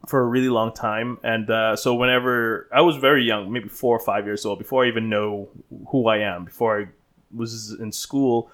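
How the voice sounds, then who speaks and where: A man's voice: medium pitch, normal speed. Easygoing man from the Bahamas. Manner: relaxed, rambling, many restarts and fillers. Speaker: guest, stunt performer. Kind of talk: casual interview storytelling.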